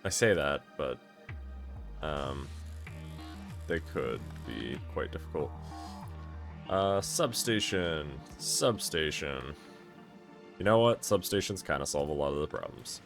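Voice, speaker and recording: A man's voice: very deep voice, expressive, moderate pace, creaky, long pauses, faint music behind. A man giving casual gameplay commentary, thinking aloud and correcting himself as he plans, sounding tired and yawning at times. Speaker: gameplay streamer.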